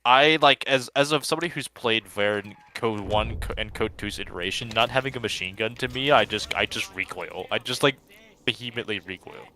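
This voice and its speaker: A man in casual gaming chat with friends, talking in slang with animated, exaggerated reactions. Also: lowish voice, brisk. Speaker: gamer in a friendly match. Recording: faint background noise on voice chat.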